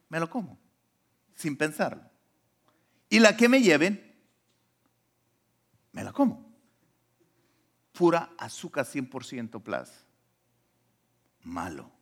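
A man preaching a sermon as pastor. He swings from quiet asides to loud emphasis and keeps asking the congregation questions. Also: mid-range voice. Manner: conversational, asks the congregation questions.

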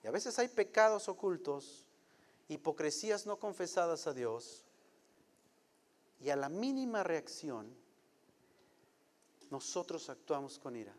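A middle-aged man, a pastor giving a lively, conversational sermon full of rhetorical questions. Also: on the high side, unhurried, pauses often, big-room sound.

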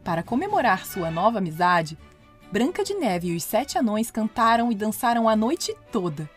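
A woman narrating a children's fairy tale in an expressive, playful way. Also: medium pitch, normal speed. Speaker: storyteller. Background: soft music.

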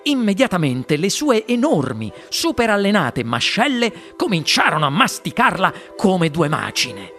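A lively audiobook narrator whose voice moves widely as the story goes on. The tone is bright, with faint music under the reading. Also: medium pitch, measured pace, few pauses. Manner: expressive storytelling.

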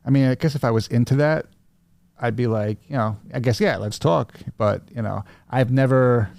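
A man hosting a podcast, reacting to his guest with relaxed jokes. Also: mid-range voice, normal speed, vocal fry, no echo. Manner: joking, laid-back interjections. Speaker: podcast host. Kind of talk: casual chat.

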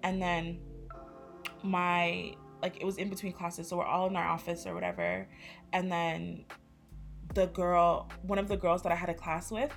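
A woman's voice: lowish voice, moderate pace, soft background music. A young woman in her twenties from Canada, hosting a casual chat and telling stories with lots of fillers. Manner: animated storytelling with lots of fillers.

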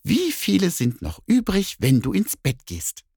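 A man putting on a high sassy cat lady. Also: wildly swooping pitch, unhurried, creaky, darkish tone, husky, no echo, studio quality, exaggerated voice. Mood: coaxing. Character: cheeky boastful female neighbor cat.

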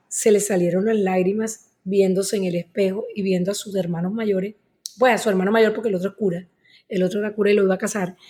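A Colombian woman in her sixties, a guest telling a wedding story in casual chat, acting out the people she quotes. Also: medium pitch. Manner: animated anecdote teller, acts out quoted voices.

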